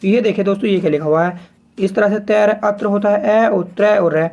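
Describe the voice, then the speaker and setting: Gravelly-voiced man teaching shorthand. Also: high-pitched, darkish tone, dull audio. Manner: slow and repetitive, spelling out sounds piece by piece and calling viewers "friends". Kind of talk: step-by-step tutorial explanation.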